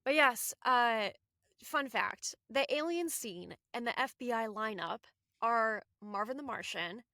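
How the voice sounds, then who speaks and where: A woman's voice: a little high, expressive, unhurried, sharp tone, no room sound, studio quality. A woman co-hosting a casual podcast, chatting with plenty of fillers as she talks. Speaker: podcast co-host.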